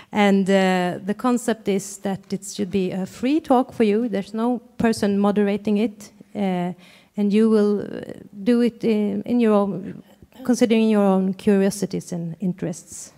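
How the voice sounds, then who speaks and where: A woman organiser explaining how a panel discussion will work, friendly and a little halting. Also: mid-range voice, mellow. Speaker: moderator. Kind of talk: explaining the event format.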